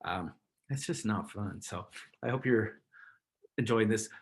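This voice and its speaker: A man's voice: fairly low pitch, measured pace, vocal fry. A man presenting a webinar in a casual, rambling way over a video call, chuckling often. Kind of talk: casual instructional talk.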